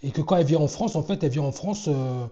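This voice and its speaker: Mellow-voiced man reacting casually. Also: a little high, quick pace, highs cut off. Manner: conversational, many fillers and restarts. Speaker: commentator reacting to clips.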